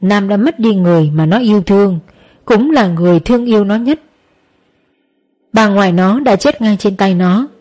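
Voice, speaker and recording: A woman's voice: mid-range voice, normal speed, a little mellow. A woman narrating a dramatic story in an emotive, tense storytelling manner.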